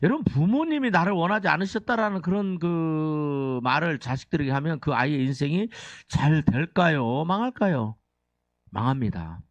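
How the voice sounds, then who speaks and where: A male pastor preaches with a lively, swinging voice that sits a little high. He keeps tossing questions to the congregation and leads the call-and-response reading. The sound is dry and somewhat dull, like a lo-fi church recording. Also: normal speed, dry recording. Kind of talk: sermon. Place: church sanctuary.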